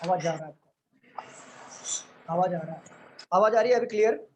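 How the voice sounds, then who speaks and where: A man's voice: sits high, moderate pace. A man teaching a reasoning class in a live online lecture. He explains step by step, keeps quizzing his students, and mixes English terms into Hindi. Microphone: online lecture stream. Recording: dull lo-fi audio with faint noise.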